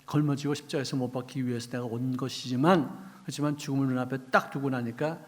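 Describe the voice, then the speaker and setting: A man's voice: medium pitch, steady tone, quick pace. Man preaching a dramatic sermon. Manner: dramatic, acts out quoted voices, swings from shouting to hushed; quizzes the congregation. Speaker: pastor.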